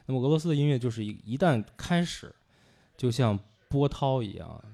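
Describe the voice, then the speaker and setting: A man's voice: medium pitch, animated, fairly quick, gravelly, dark tone. A man co-hosting a livestream about classical music, explaining patiently with frequent hesitations.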